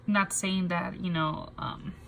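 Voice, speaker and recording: A young budgeting vlogger with a cold talks casually to camera in a lowish, nasal, creaky voice with fairly even intonation. She's soft and halting, often stopping to restart sentences with plenty of fillers. There's slight background noise.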